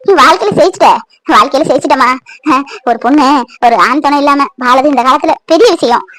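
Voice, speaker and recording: A woman's voice: high voice, a bit bright, no echo. A woman voicing an elderly, tender mother-in-law in a cartoon, consoling and blessing her daughter-in-law. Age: older. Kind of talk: Tamil cartoon voice acting.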